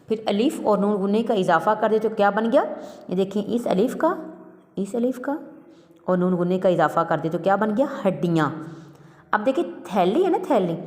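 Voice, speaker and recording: A woman teaching a primary-school Urdu lesson, explaining slowly and repeating each word, often checking in with "theek hai". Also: lowish voice, darkish tone, echoey room, big-room sound. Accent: Urdu-speaking. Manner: explains slowly, repeats words, often says 'theek hai'. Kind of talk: classroom lesson.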